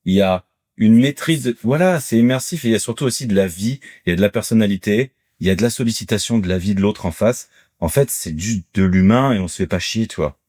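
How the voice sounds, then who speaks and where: A man with a low, mature-sounding voice talks through sales techniques in a relaxed interview. He is lively and playful, breaking into little acted-out pitches as he explains. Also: quick pace, no echo, clean studio sound. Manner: animated, lively storyteller who acts out sales pitches. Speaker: podcast guest, salesman. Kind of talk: casual conversational interview.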